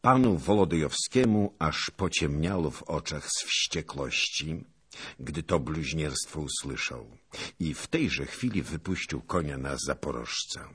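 Man, audiobook narration, deep voice, husky, slow, lively pitch. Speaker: audiobook reader. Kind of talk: scripted narration of a classic novel.

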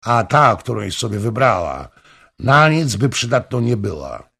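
Casting: a man playing a commanding king in an audiobook, raised and loud, gravelly and husky, bold and threatening. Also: medium pitch, very animated, unhurried, exaggerated voice. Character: proud forceful king, grown man.

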